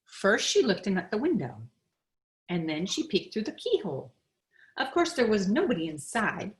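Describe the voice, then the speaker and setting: Reading from a children's picture book, a woman with a mid-range voice tells the story in an expressive, deliberate manner.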